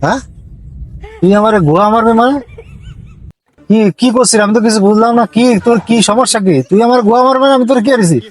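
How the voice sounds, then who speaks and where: Comedy sketch local, acted by a man: baffled and offended, high-pitched, colloquial Bangladeshi accent, demanding answers. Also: quick pace, pauses often. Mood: indignant. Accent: colloquial Bangladeshi Bengali. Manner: confrontational, repeating questions. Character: indignant, baffled local male passer-by.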